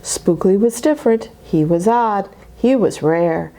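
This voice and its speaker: At a church story time, a woman reads a rhyming picture book to children, her expressive delivery sinking now and then into dramatic whispers. Her voice sits in the mid range, and she reads a little slowly.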